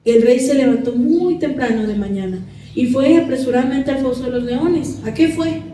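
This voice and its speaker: A woman preaches a sermon in a high, mellow voice. She reads scripture aloud and keeps asking the congregation questions. Her voice comes from far off in an echoey hall. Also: normal speed, slight background noise.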